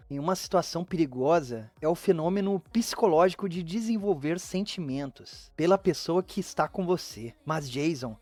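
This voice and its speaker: A man's voice: fairly high pitch, darkish tone, dry recording. A man with a Brazilian accent telling a story recap in a casual, slangy way with joking asides. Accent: Brazilian Portuguese. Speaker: recap narrator.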